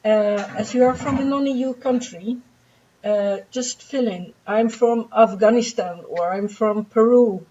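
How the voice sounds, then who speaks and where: A woman's voice: a little high, unhurried, warm tone, muffled recording. A woman from the university staff explaining fee payment steps in a webinar, in a plain, practical way with a light, amused tone about the rules.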